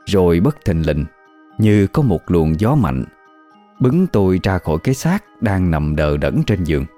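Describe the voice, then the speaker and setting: A man with a low, mellow voice narrates a ghost story. He reads at a measured, steady pace, and faint music plays underneath. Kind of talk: scripted horror story narration.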